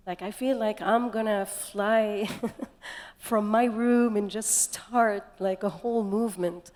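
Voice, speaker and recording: A woman's voice: mid-range voice, darkish tone. A woman from Tunisia, a singer answering interview questions in a reflective way, full of "like" and "you know". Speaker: singer and musician. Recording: long hall reverb.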